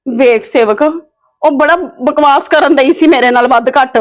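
A woman plays a high-voiced, headstrong unmarried sister-in-law in a web family drama. She argues defensively and slips into self-pity, insisting she has been kind. The voice sits well above the usual range for a woman. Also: measured pace, roomy sound. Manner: defensive, pleading and self-pitying. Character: stubborn unmarried sister-in-law who feels wronged.

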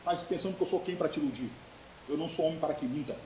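A preacher voicing God's solemn warning as relayed by an old church sister, speaking lower and slower. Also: male voice, a little mellow, lightly acted. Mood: stern. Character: stern God speaking through an old sister. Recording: echoey church hall.

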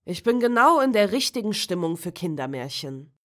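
Angry teenage boy in an audiobook, loud and bitter, sarcastic, voiced by a woman. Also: mid-range voice, very animated, normal speed, close to an everyday voice.

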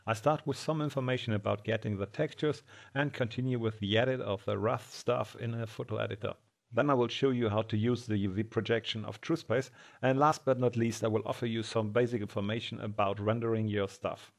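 A man's voice: lowish voice, steady tone, fairly quick, gravelly. Man with a German accent teaching. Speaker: course instructor. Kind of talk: scripted tutorial introduction.

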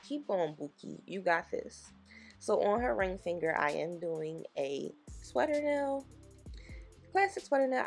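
A woman with a rough, husky voice and a gravelly edge gives a relaxed nail tutorial voice-over. She sounds freshly woken and raspy, talking straight to her viewers in a chatty, encouraging way. Soft music plays faintly behind her. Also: fairly low pitch. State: raspy from just waking up. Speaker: nail technician.

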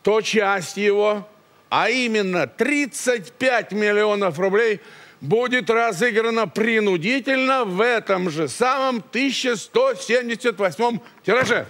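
A man in his sixties hosting a lottery draw like a bingo caller, announcing numbers deliberately with nicknames and catchphrases. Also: high-pitched, fairly bright tone. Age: 60s. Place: large TV studio. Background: music under the voice.

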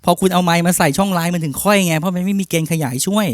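A middle-aged man selling audio equipment, pitching and demonstrating a mixer in a blunt, opinionated, persuasive way. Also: steady tone, very fast, no room sound, clean studio sound. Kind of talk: sales pitch and product demo.

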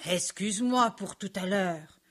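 A woman voicing a hot-tempered young male red grape in a storybook reading, speaking lower and more forcefully than her narration, with a grumbling manner. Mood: earnest. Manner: grumbling, quick to anger.

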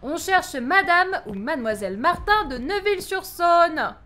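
Storybook old man, a woman doing it, calling out loudly, high and bright. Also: a little slow, full character voice. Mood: shouting. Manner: loud calling out. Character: shouting old man hawking a name in a market.

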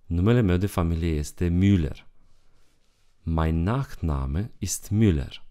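Very deep, slow-spoken male language teacher. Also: dark tone. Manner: slow, repeats each phrase twice. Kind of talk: bilingual language lesson.

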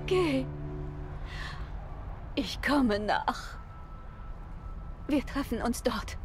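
An actress playing a weakened, self-sacrificing mother in a video game, speaking in a breathy, halting, emotional way. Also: high-pitched, expressive, over music, full character voice. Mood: urgent pleading.

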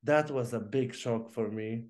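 Calling in by video from a plant-filled room at home, this co-host talks casually in a medium-pitched voice. He's animated, with rapid bursts of speech, laughter and filler words.

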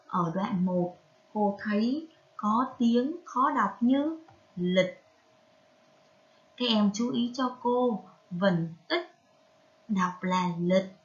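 A woman with a Vietnamese accent teaching a reading lesson to young children, spelling out syllables carefully and prompting them gently. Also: on the high side, highs cut off. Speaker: primary school teacher.

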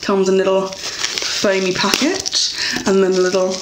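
A woman's voice: mid-range voice, little pitch movement, unhurried, background noise. A young English woman chatting casually while reviewing beauty products, with lots of fillers and self-corrections. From England. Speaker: beauty vlogger. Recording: echoey room.

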